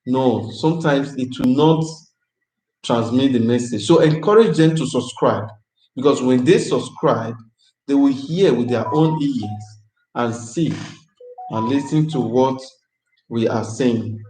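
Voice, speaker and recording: A man hosts a live-stream chat, answering viewers' questions in a chatty, upbeat way. He repeats his phrases as he talks. His voice sits at a middle pitch and carries a noticeable roomy echo. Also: measured pace, dark tone, a little hiss or hum.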